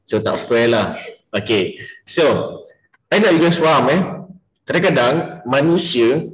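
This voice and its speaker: A man's voice: mid-range voice, very animated, measured pace, reverberant, poor audio. A Malaysian man running an interactive business coaching class, mixing English into Malay and quizzing his students by name.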